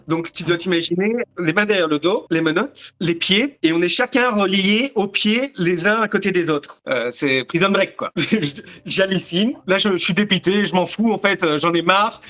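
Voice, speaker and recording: A man from Brussels with a Belgian French accent, telling a personal anecdote in a lively, slangy way with plenty of swearing. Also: sits high. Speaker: storyteller. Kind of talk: casual spoken anecdote.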